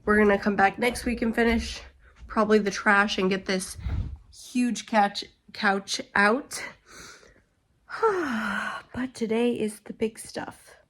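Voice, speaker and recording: A woman's voice: medium pitch, fairly even intonation, slow, fairly bright tone. A young woman with a sore throat who is sick, rambling and venting in a casual vlog at home. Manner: rambling and venting, lots of "like" fillers. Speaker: vlogger. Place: at home indoors.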